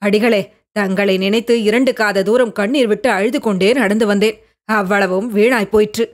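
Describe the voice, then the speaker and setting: A woman's voice: mid-range voice, steady tone, normal speed, voice pushed down, close to an everyday voice. A woman voicing a fierce, harsh-voiced female ascetic who lives in a cave, telling her tale with drama. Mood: wondering. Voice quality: harsh, hard voice.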